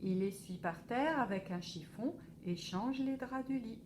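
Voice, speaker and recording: A woman reading a children's picture book aloud for a library, slow and expressive. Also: a little high, background noise. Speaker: library storyteller.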